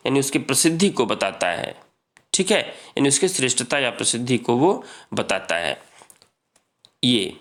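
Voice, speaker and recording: A man teaching English grammar in a lesson, reading rules slowly and explaining them with many repetitions. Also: medium pitch, fairly bright tone. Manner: reads English rules slowly, then explains, repeating "ठीक है".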